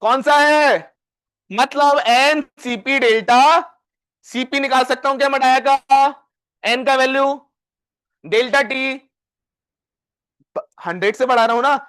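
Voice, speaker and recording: A male physics teacher with an Indian accent, lecturing a live class and quizzing students with quick questions. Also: very high voice, fairly bright tone, clear, resonant tone. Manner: dictates questions slowly, word by word.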